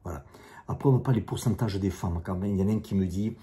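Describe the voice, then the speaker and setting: A man's voice: low voice, fast talker, mellow. A man with a strong accent talking bluntly straight to camera in a casual monologue, repeating himself and dismissing critics. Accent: strong non-native accent in French. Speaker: YouTuber, self-defence instructor.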